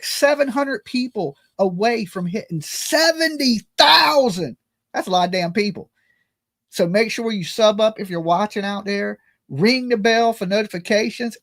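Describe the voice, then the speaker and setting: A man's voice: extremely high pitch, fairly bright tone. A man hosting a live commentary and call-in show, talking casually in a slangy, folksy way with self-deprecating jokes.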